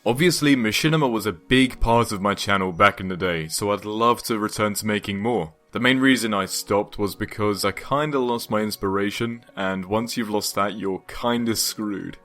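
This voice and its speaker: A man's voice: fairly low pitch, moderate pace, few pauses, fairly bright tone, soft background music. Upbeat young man answering viewer questions. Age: 20s. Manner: upbeat, casual and chatty, joking asides. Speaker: YouTube gaming channel host. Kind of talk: Q&A vlog voice-over.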